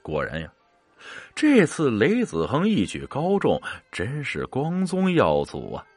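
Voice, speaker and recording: A man narrating a scripted ghost story in a dramatic, expressive manner. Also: medium pitch, measured pace, husky, no echo, faint music behind.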